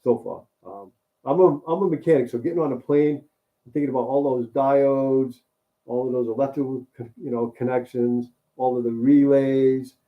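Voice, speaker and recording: Man, casual co-host, rambling, easygoing, middle pitch, tinny phone-like sound. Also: fairly even intonation, normal speed. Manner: easygoing, rambling, repeats himself. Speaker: co-host and mechanic. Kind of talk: casual chat.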